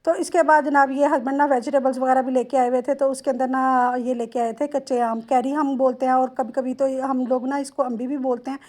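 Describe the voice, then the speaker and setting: High-voiced chatty Lahori woman. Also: steady tone, brisk, few pauses, darkish tone. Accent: Lahori Punjabi-tinged Urdu. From Lahore, Pakistan. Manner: chatty, homely, addresses viewers as "janab". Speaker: home cooking vlogger. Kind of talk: casual cooking voice-over.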